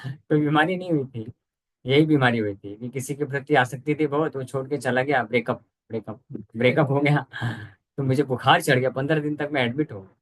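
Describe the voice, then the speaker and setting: A man giving a devotional scripture lecture in conversational Hindi with English words mixed in, slowing down to chant verses. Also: medium pitch, poor audio.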